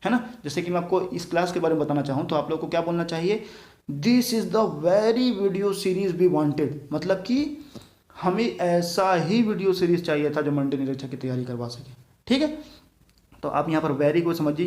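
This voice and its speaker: A man's voice: a little high, darkish tone. A man from Chhattisgarh teaching a grammar lesson, explaining patiently and checking often that his students follow. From Chhattisgarh, India. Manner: explains patiently, keeps adding tag questions to check understanding. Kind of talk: classroom grammar lecture. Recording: echoey room.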